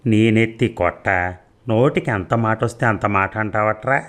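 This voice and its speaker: A man's voice: lowish voice, moderate pace, fairly bright tone, lightly acted. A man voicing a fussy old grandmother who coaxes and scolds her grandson. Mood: scolding. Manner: coaxing then scolding.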